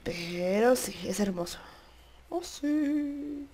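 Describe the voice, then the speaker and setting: A woman's voice: on the high side, animated, drawn-out words, mellow, breathy edge. A woman giving casual, chatty commentary while playing a game, playfully coaxing the animals. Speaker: gamer. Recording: noisy home recording.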